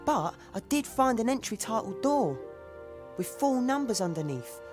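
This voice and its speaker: An eager young sidekick from a game, happy to help. Her voice sits a touch high. Soft music plays underneath. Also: sing-song, normal speed. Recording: game audio with faint music.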